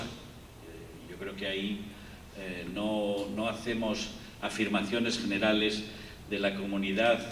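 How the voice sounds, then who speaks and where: In an echoey lecture hall, a Spanish guest lecturer with a deep, somewhat bright voice gives a meandering university talk packed with fillers and false starts. He's from Spain, and the distant recording carries faint room noise.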